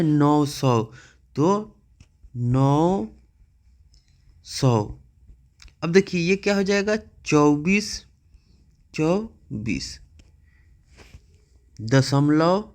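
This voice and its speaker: A male math teacher with a slightly high voice. He walks through a lesson patiently, asking questions and checking in with a frequent "okay". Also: a little mellow.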